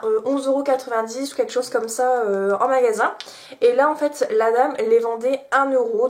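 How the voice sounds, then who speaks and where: A young woman chatting casually to camera from her bed, showing what she bought, with many small pauses. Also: fairly high pitch. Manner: chatty, many fillers and restarts. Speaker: vlogger. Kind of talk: casual haul vlog. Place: bedroom, sitting on her bed.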